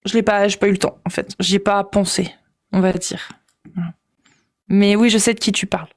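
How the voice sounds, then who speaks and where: A French-speaking woman hosting a casual live stream, relaxed and hesitant, with many fillers. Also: mid-range voice, fairly quick.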